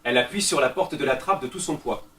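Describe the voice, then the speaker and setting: Man, stage directions, calm and measured, distant roomy sound. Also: medium pitch. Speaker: narrator reading stage directions. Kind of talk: stage play reading. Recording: roomy, distant mic, faint noise.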